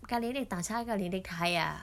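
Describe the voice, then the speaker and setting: Young thai woman vlogging, chatty, lots of fillers and pauses, mid voice. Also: medium pitch. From Thailand. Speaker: au pair vlogger. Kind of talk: casual storytelling vlog.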